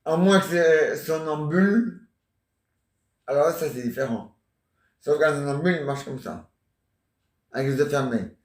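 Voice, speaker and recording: A man's voice: a little high, a little slow, long pauses, distant mic. A man in his forties rambling and joking in casual chat, teasing banter. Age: 40s. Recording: echoey room.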